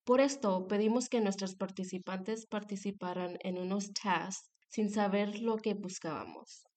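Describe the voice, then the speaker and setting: A woman's voice: medium pitch, unhurried. Young woman presenting a class project. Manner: steady read-aloud delivery with clear examples. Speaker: student presenter. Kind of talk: scripted educational narration.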